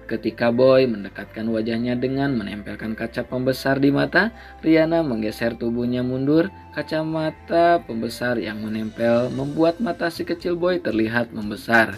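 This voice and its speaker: Male storybook narrator, steady and measured, faint music behind. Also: medium pitch, creaky. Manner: steady, measured reading with small slips.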